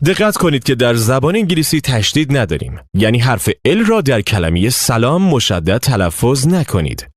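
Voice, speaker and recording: A man narrating a language lesson, giving clear step-by-step instructions. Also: medium pitch, sing-song, few pauses, no room sound, studio quality. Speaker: language teacher.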